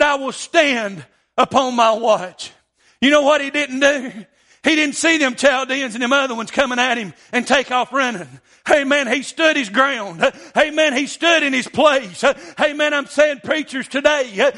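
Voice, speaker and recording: A preacher man with a very high, bright, ringing voice. He stammers through his sermon, filling every pause with "uh" and "amen". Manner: stammering, punctuated by frequent amens.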